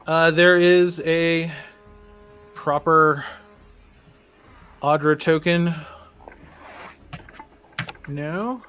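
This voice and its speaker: A man running a tabletop game as game master, narrating with many fillers and pauses. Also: fairly high pitch, steady tone, fairly bright tone, clear, resonant tone, soft background music.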